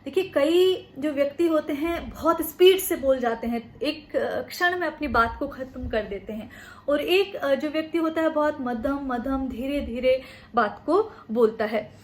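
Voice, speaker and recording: A woman lecturer talks through an academic lesson, her voice sitting notably high. She explains patiently, pausing often with "uh" fillers and restarting phrases as she goes. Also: expressive. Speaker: college lecturer.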